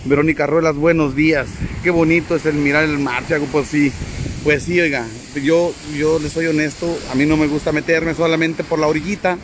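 A man's voice: on the high side, slight background noise. Joking man streaming outdoors by the sea. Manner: joking, chatty, greets viewers by name. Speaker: vlogger. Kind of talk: casual live stream from the seafront. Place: outdoors on a high spot by the sea.

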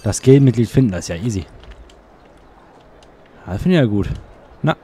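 A man's voice: on the low side, lively intonation, a little fast, dark tone, a little hiss or hum. Grumbling, sarcastic let's play guy. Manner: chatty, sarcastic, grumbling at the game. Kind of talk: casual gameplay commentary.

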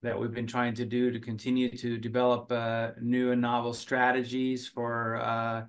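A man's voice: medium pitch, completely flat delivery. Middle-aged Finnish-born man on a video call. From Finland. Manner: measured, many filler sounds and restarts. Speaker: cancer researcher and oncologist. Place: home office with bookshelves.

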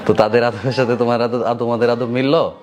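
A man's voice: mid-range voice, fast, over music. A man with a colloquial Bangladeshi Bengali accent teaching madrasa students a moral lesson, repeating each point back to them as a question. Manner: quizzes listeners with repeated rhetorical questions. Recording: steady background noise.

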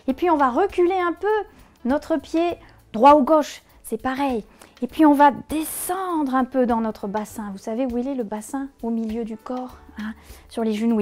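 High in pitch, the young instructor's voice stays gentle and encouraging while she playfully directs a children's yoga session.

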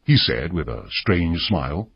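A man reads a story for English learners in a very husky, fairly low voice. His pitch swings widely as he reads, measured and expressive. The sound is dry and slightly muffled. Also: dry recording. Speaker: narrator.

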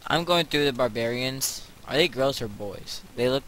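A man's voice: medium pitch, lively intonation, normal speed, a bit bright, slight background noise, rough recording. A young man joking around with a friend while playing an online game. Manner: joking, easily distracted. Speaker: gamer. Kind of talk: casual game chat.

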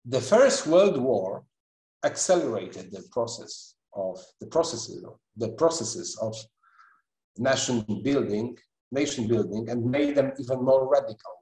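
Slow, measured man lecturing online. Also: medium pitch, animated, darkish tone, echoey room, poor audio. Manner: slow, measured delivery with frequent pauses and restarts. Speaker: guest lecturer. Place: indoor room at a computer. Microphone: webcam video call.

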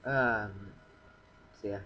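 A young man in his teens giving excitable, rambling commentary over a video game, talking to himself. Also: drawn-out words. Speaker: gameplay video maker. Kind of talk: casual gameplay commentary. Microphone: cheap computer mic. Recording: muffled low-quality computer mic, faint background hum.

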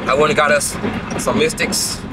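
Young guy vlogging in his car, chill and playful, phone at arm's length, loud road noise. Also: on the high side, level tone, moderate pace. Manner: chatty, loose, playful. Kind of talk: casual vlog chat. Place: inside a car. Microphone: handheld camera at arm's length.

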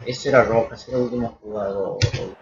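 A man's voice: on the low side, very fast, lo-fi sound, slight background noise. A man with an Argentine accent casually commenting on his own football management game, reacting and swearing as he plays. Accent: Argentine Spanish. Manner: reactive and swearing, with sudden excited shouts. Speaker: gaming youtuber. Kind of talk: casual live gameplay commentary.

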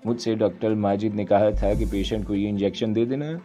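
A man's voice: on the low side, flat delivery, brisk, mellow, close to an everyday voice. A man reading a story aloud and voicing a frightened young female nurse who stammers and pleads in a trembling voice. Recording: dull lo-fi sound, faint music behind.

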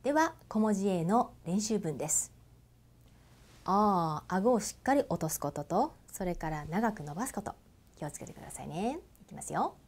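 A woman teaching English pronunciation, holding out long vowels and giving gentle, encouraging instructions. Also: medium pitch, expressive. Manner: models drawn-out vowels and slow example sentences. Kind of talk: pronunciation lesson.

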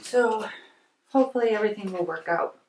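At her kitchen table, filmed from an overhead camera, a middle-aged woman hosts a soap-making channel and chats through each step while she mixes. Her mid-range voice moves briskly, shifting from soft to bright as she thinks aloud. There's some background noise.

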